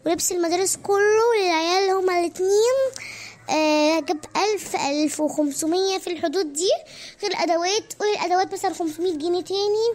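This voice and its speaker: A performer voicing a dramatic, scheming Egyptian housewife, with an Egyptian accent, pleading and bossy by turns. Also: female voice, extremely high pitch, quick pace, a little mellow. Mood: chatty. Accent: Egyptian Arabic. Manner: whiny pleading, then bossy.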